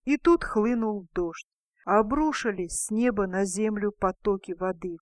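A woman tells a fairy tale in an expressive reading voice of ordinary pitch. The recording is dry, with no room sound. She leans hard into the characters. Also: measured pace, no echo. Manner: expressive, shouts the king's lines. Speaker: storyteller.

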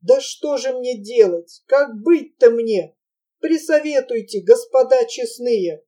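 Brief: woman doing a distraught merchant dad, lamenting loudly, slow and heavy. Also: fairly high pitch, lively intonation. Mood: despairing. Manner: lamenting, exclaiming. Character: desperate grieving merchant father, middle-aged man.

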